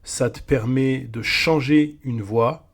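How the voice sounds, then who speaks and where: A man's voice: medium pitch, slow pace. A man casually walking a viewer through an AI video tool, talking to them directly and informally, with frequent hesitations. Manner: casual, addresses viewer as tu, many fillers. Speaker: tutorial host. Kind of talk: screen-recorded software tutorial.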